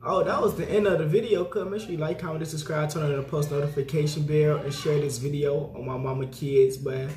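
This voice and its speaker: A man's voice: on the high side, fairly even intonation, a little fast, hardly any pauses, darkish tone. A teenage guy hosting a reaction video in a casual, slangy vlog style. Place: small bare room indoors. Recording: echoey room, faint noise.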